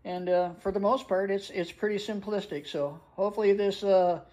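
Working at an indoor wooden workbench, an older hobbyist woman walks through a hands-on demonstration in a relaxed, plain-spoken, practical manner. She has a medium-pitched, warm voice with fairly even intonation and a moderate pace.

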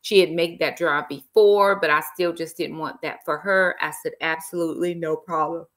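A woman's voice: sits low, fairly even intonation, normal speed, fairly bright tone. A middle-aged woman hosting a casual live stream from a small room, chatting on her laptop webcam and dropping y'all and praise interjections. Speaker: author and live-stream host. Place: small room indoors, seated in an armchair.

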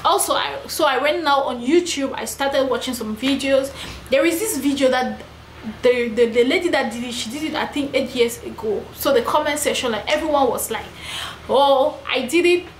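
A woman's voice: high-pitched, moderate pace, a little hiss or hum. A young pregnant woman vlogging to camera, venting in an emphatic, repetitive way. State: heavily pregnant. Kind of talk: personal vlog, talking to camera. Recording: echoey room with faint ambience.

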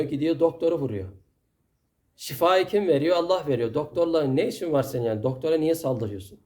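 A preacher with a Turkish accent, his voice warm and on the high side, delivers a Friday sermon with earnest admonitions and plenty of rhetorical questions.

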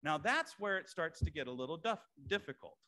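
A man's voice: a little high, big pitch swings, a little fast, sharp tone. A male pastor preaching a sermon to his congregation in a conversational way, with asides to the room. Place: church sanctuary.

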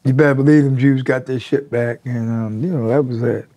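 A man's voice: medium pitch, a little fast. A man in his sixties, seated in an indoor studio, telling stories in a casual, profane way and acting out the voices of the people he quotes. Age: 60s. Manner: animated, profane storyteller who acts out quotes. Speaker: interviewee. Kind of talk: casual storytelling interview. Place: indoor studio in front of a draped backdrop.

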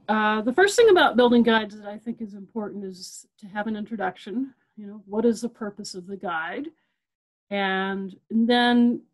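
A middle-aged librarian with a medium-pitched voice presents a webinar through a computer microphone. Her style is loose and conversational, full of fillers and restarts, and she goes back over her key points.

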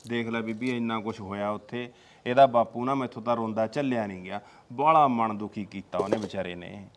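An actor playing a calm husband who reassures his wife's father and talks with his mother. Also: fairly low pitch, brisk, lightly acted.

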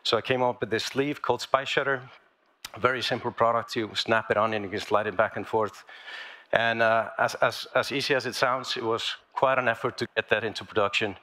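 A man from Iceland giving a conference talk about his inventions on stage in a large lecture hall, speaking haltingly with many fillers and restarts. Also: medium pitch, fairly even intonation, bright, forceful tone.

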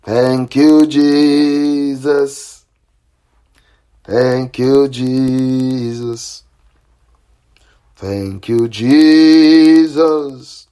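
A man's voice: mid-range voice, steady tone, drawn-out words, long pauses, mellow, smooth. A man leading a prayer line as a pastor, praying fervently in a repetitive, chanting and commanding way, with stretches of speaking in tongues. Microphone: phone or call line.

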